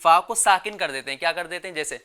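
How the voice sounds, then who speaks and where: A man with a Pakistani Urdu accent teaching children Quran recitation, chanting verses slowly and explaining quickly between them. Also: on the high side, sharp tone. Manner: slow drawn-out recitation, then quick explaining, calls on children to repeat.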